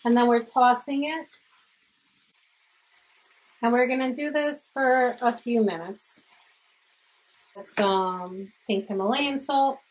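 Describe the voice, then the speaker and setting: Taking it slowly and pausing often, a young woman with a slightly high voice shows viewers how she cooks at home, chatty and enthusiastic despite poor audio. She's a young adult cooking vlogger doing a casual demonstration, with her camera on a stand placed close while she talks and a bit back at the stove.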